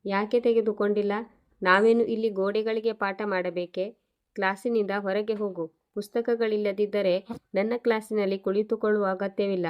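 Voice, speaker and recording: A woman's voice: mid-range voice, little pitch movement, normal speed, clean tone, highs cut off, close to an everyday voice. A woman voicing a stern, scornful male schoolteacher who scolds and dismisses in a story reading. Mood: angry.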